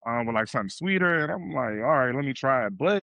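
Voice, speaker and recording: A male podcast host with a middle-pitched voice talks in a laid-back, slangy way, every so often dropping lower as he relaxes into a story. He is recorded close, on a dry mic. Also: animated, fast, gravelly, bright, forceful tone, no echo, dull audio. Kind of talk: casual podcast conversation.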